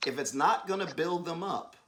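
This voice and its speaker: A man giving a devotional talk with his wife, exhorting and emphatic, rising to bursts of excitement, speaking over a video call. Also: a little high, normal speed, background noise. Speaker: husband co-hosting a devotional. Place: home, joining an online meeting.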